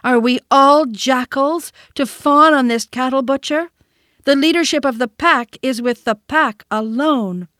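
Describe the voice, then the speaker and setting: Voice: mid-range voice, very animated, normal speed, no echo, studio quality. A storybook reader voicing the young man-cub Mowgli, bold and challenging. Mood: defiant. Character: fierce young man-cub boy, defiant.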